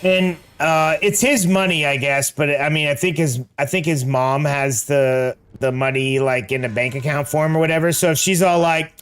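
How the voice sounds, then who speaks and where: A man's voice: a little high, normal speed, few pauses, fairly bright tone, clear, resonant tone. A middle-aged American man chatting casually while gaming, slangy and peppering his talk with dude and like. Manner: slangy, says dude and like often. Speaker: game streamer.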